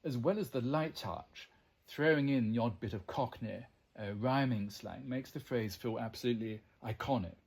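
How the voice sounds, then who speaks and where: A man's voice: medium pitch, moderate pace, gravelly, darkish tone, breathy edge. An Englishman hosting a language channel, musing to the listener in an erudite, meandering way, with frequent ums and asides. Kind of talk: reflective monologue to the listener.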